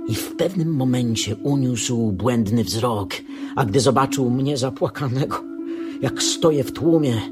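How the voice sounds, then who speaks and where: A man's voice: medium pitch, unhurried, music in the background, natural voice. An actor playing a grief-stricken young son who tells of his father's death and accuses his mother, with impassioned delivery in a radio drama. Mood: grim, mournful. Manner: impassioned, rising to fierce outbursts.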